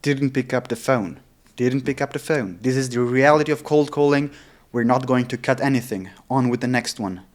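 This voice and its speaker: Casual and candid, a male vlogger works on his sales cold calls in English, a second language behind Italian or German. His pitch is medium and his speed is normal.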